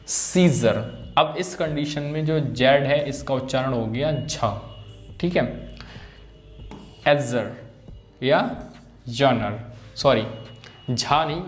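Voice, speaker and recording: A man teaching an English phonics lesson, repeating example words and often checking in with his students. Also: medium pitch.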